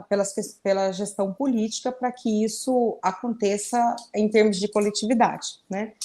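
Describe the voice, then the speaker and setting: A woman's voice: mid-range voice, a little mellow. Earnest Brazilian woman in her fifties. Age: 50s. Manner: earnest, with frequent "né?" tags and restarts. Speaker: mayoral candidate. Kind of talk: interview answers.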